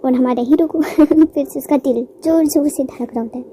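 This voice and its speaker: A woman's voice: high voice, moderate pace, dark tone, a little hiss or hum. A woman narrating a manga recap in a chatty storytelling way, laughing now and then.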